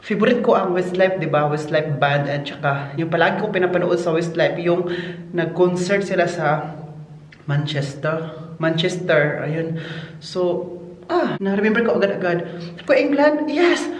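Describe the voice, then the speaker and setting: A man's voice: sits high, moderate pace. A man from the Philippines vlogging while he works at a hotel, chatty and gossipy, laughing often. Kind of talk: casual chatty vlog. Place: indoors in a hotel. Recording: roomy echo.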